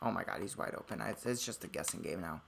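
Excitable man yelling over gameplay. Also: deep voice, quick pace, vocal fry, breathy edge. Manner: excitable, swings from muttering to shouting at the game. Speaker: gaming streamer. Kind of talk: live gameplay commentary.

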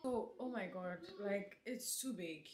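A woman in her twenties vlogs casually from her small apartment kitchen and bedroom, chatting with viewers amid frequent laughter and animated asides. Her medium-pitched voice is a little slow, and the handheld camera held at arm's length gives reverberant sound with background noise.

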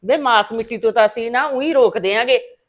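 An actress playing a sharp-tongued, bossy village mother-in-law who scolds and mocks. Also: fairly high pitch, natural voice. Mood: scolding. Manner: scolding, mocking, quick to insult. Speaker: domineering mother-in-law in comic drama.

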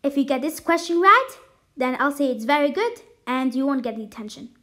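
A young woman voicing Mister Niel, a firm but kindly male teacher in a homemade cartoon, who speaks slowly while instructing. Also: high-pitched, animated, a bit bright.

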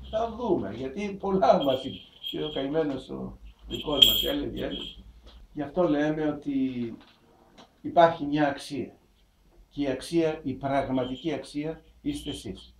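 A man's voice: a little high, distant mic. A middle-aged man preaching a sermon, full of rhetorical questions in a conversational tone. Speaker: bishop preaching. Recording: roomy hall, voice from afar.

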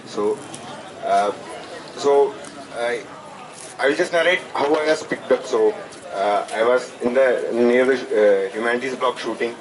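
A student speaker in his twenties with an Indian accent delivers an unplanned public address outdoors at night beneath a canopy, stumbling and repeating phrases while hunting for words. His mid-range voice comes through a handheld mic over a noisy outdoor PA, captured by a distant camera with a crowd audible behind him.

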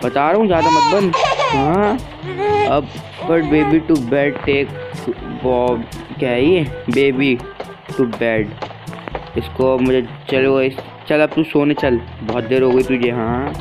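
A man's voice: mid-range voice, fairly even intonation, takes it slowly, low-quality recording. Chatty gamer man over game music. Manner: chatty, keeps addressing viewers as guys. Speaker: gaming YouTuber. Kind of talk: casual let's-play commentary.

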